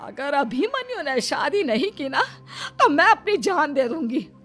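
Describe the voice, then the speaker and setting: A woman's voice: high-pitched, sing-song, measured pace, a bit bright, soft background music, voice pushed up, full character voice. A woman voicing a domineering, stubborn older mother-in-law who scolds and commands in a family cartoon. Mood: threatening. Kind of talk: Hindi family cartoon acting.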